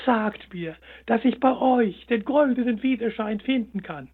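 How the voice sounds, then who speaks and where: A man voicing a small, lonely young male hare in a storybook, earnest and pleading, with a husky voice on a tinny line. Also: very high-pitched, a little slow, voice pushed up, exaggerated voice. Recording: tinny phone-like sound.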